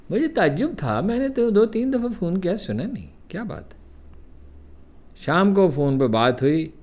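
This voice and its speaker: An older man with a Pakistani Urdu accent telling personal anecdotes in a lively way, acting out the quoted remarks. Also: high-pitched. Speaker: columnist recounting memories. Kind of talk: storytelling anecdotes.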